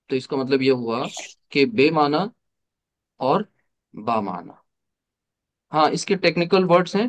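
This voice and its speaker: A man teaching an online class, explaining step by step, asking rhetorical questions and mixing English terms into his explanations. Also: on the high side. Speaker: Arabic teacher.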